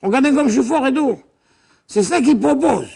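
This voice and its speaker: A middle-aged male rabbi giving a lively Torah class, questioning his students and acting out biblical dialogue. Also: extremely high pitch, normal speed, vocal fry, husky. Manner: animated, questioning the audience, acts out biblical dialogue.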